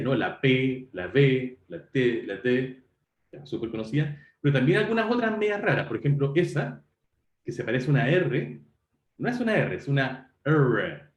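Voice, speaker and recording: A man's voice: medium pitch, roomy sound, dull audio. A man giving an online university lecture, talking conversationally to students and correcting himself as he goes. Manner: conversational, self-correcting, addresses students directly.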